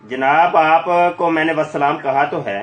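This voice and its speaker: Male live polemical host, high voice, combative and emphatic, echoey recording. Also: crowd noise. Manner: confrontational, accusatory, emphatic. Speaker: YouTube channel host making a live call. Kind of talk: polemical live commentary to listeners. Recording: echoey, roomy sound.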